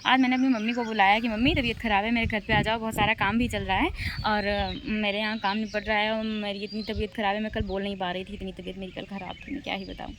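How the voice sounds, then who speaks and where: A young woman vlogging casually at home, soft and emotional as she reflects, still recovering from being unwell. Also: medium pitch, little pitch movement, quick pace, background noise. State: recovering from illness. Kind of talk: casual vlog talk to camera. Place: at home, near singing birds. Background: birds chirping.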